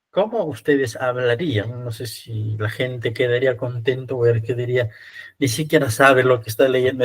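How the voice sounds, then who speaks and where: A man with a Peruvian accent, a priest giving a conversational lecture to church readers, often asking rhetorical questions and ending phrases with tag questions. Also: mid-range voice. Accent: Peruvian Spanish. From Peru.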